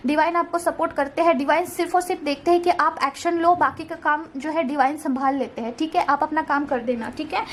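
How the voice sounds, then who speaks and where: A young woman speaks in a high, gentle voice as she gives a casual spiritual card reading, reassuring her listener again and again. She slips English words into her talk. Faint room noise sits underneath. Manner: gentle, reassuring, keeps saying "theek hai"; mixes English words into Hindi. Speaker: tarot card reader.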